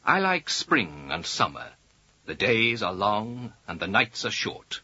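A man speaking slowly and carefully in a scripted language-course dialogue. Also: lowish voice, big pitch swings, sharp tone, dry recording. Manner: slow, careful, clearly spaced delivery. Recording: dull lo-fi audio.

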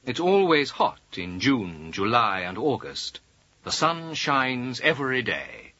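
A man speaking slowly and carefully in a scripted language-course dialogue. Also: mid-range voice, big pitch swings, pushed and bright, no echo. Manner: slow, careful, clearly spaced delivery. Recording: dull lo-fi audio.

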